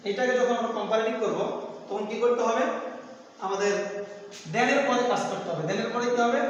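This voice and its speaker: A teacher giving a grammar lesson, explaining step by step and asking questions, then answering them himself. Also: male voice, sits high, slight background noise. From Bangladesh. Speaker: assistant teacher. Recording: echoey room, voice far from the mic.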